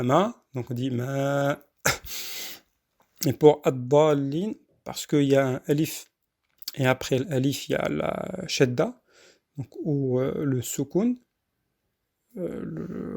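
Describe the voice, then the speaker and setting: A man teaches correct Quran recitation at a measured, mid-pitched level. His explanations come in broken phrases full of hesitations. He slows right down to recite the verses, drawing out their long sounds. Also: vocal fry, mellow. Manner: halting explanations with many fillers, then slow drawn-out recitation. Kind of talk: tajwid lesson with recitation.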